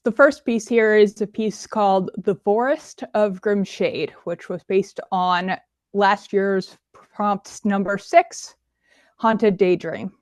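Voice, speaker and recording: A woman's voice: medium pitch, slow pace, dry recording, clean studio sound. A woman, speaking as a lilting, theatrical storyteller and bard at a poetry open mic.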